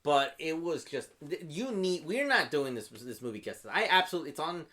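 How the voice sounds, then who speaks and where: A man hosting a podcast, chatting casually and excitedly as he retells movie scenes. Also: a little high, fairly quick. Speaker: podcast host. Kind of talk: casual movie review chat.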